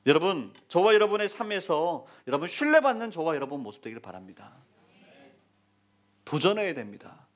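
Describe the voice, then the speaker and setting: A man preaching a sermon as a church pastor, telling the story with acted-out voices and urging his listeners again and again. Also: fairly high pitch. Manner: lively storytelling, acting out voices of king and Nehemiah; repeated exhortations, dropping to a whisper at times.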